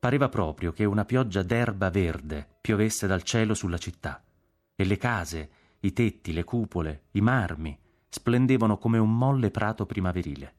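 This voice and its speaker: A man narrating a literary audiobook in a measured, expressive reading. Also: on the low side.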